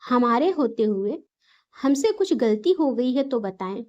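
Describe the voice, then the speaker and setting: A gentle young daughter-in-law, as a woman reading a story puts her on, soft and pleading in a high, slow voice. The sound is slightly dull and lo-fi. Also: lively intonation.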